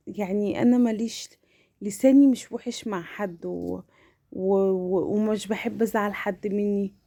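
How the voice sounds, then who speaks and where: Woman, Egyptian Arabic accent, mellow dark timbre, medium pitch, casual household vlog narration, hesitant, familiar address. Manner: hesitant, repeating and restarting words. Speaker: home vlogger. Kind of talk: casual chatty voice-over of household routine.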